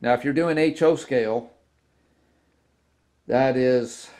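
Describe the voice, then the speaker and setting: A man talks slowly through a hobby tutorial at his workbench, pausing and restarting his sentences often. His voice sits at an ordinary middle pitch, and he sounds relaxed and unscripted. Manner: unhurried, halting, many restarts and fillers. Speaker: model railroad video host. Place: indoor workbench with model trains.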